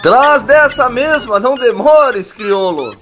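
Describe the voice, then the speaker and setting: A man's voice: animated, takes it slowly, a bit bright, soft background music, full character voice. A man voicing a talkative, stubborn old ranch host, calling out insistent invitations and orders. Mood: coaxing. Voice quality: high, hearty calling voice.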